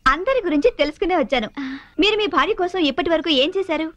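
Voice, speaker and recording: Chirpy young anchor, high and quick, gushy, music under it. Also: female voice, expressive, no room sound. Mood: gushing. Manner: bright, gushing questions. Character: chirpy young female interviewer. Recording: film audio with music underneath.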